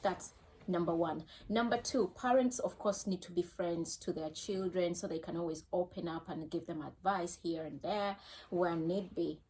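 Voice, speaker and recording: A woman's voice: on the low side, normal speed, a little mellow. Ugandan-accented woman, mother figure; earnest, cautioning, casual advice talk. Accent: Ugandan English. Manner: earnest, cautioning, repeats herself.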